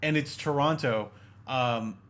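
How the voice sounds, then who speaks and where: A man's voice: mid-range voice, slow pace, a bit bright. Sarcastic man in casual movie chat. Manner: sarcastic, trails off and mumbles asides. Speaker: podcast co-host.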